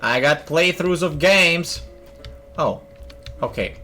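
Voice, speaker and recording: Speaking slowly in a slightly high, bright voice with a forceful tone, this young streamer casually comments on his game. He thinks aloud and makes jokes while faint game music plays.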